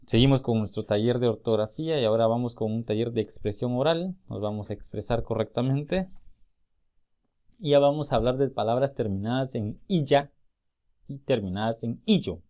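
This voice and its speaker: A man's voice: mid-range voice, mellow. Man, teacher, step-by-step explanations, recorded class. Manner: explains step by step, slowly sounding out example words. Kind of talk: recorded spelling and grammar lesson.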